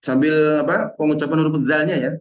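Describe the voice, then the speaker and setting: A male teacher in an online Arabic lesson, patiently drilling verb forms and repeating each word slowly. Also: on the high side. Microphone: video call. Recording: roomy and dull-sounding.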